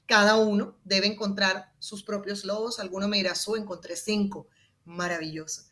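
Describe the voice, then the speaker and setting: A woman explaining her public speaking method as an interview guest, shifting her tone and volume to demonstrate. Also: medium pitch. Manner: expressive, varies volume and tone to demonstrate.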